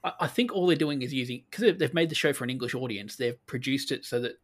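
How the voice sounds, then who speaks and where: Man co-host, husky voice, contrarian and teasing, casual review chat. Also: medium pitch, quick pace. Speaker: podcast co-host.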